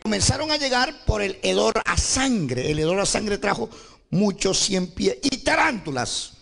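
A man giving a dramatic church testimony, often breaking into shouts and calling on the congregation to clap. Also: sits high, big pitch swings, a little slow, vocal fry. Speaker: testimony speaker at a church service.

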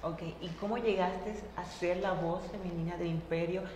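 Low-voiced woman host, echoey studio. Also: steady tone, noisy background. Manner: brisk, short prompts and questions. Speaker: talk show host. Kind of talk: hosting an interview. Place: TV studio set.

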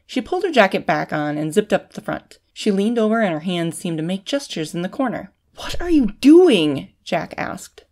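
A woman hosting a fiction podcast, reading a thriller story in a plain, steady way. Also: lowish voice, brisk, hardly any pauses. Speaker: podcast host and author.

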